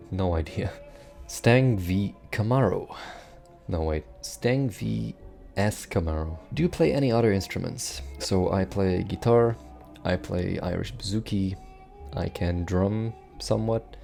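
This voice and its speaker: Low gravelly young man, fading voice. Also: mellow. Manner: dry, self-deprecating, offhand. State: losing his voice. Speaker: bass cover channel host. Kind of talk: casual Q&A answering viewer questions.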